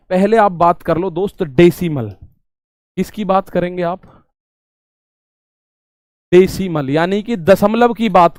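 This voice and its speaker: A man teaches an online exam-prep math class, talking casually, repeating students' questions back and explaining with everyday examples. His voice is high-pitched and a little mellow, with no echo.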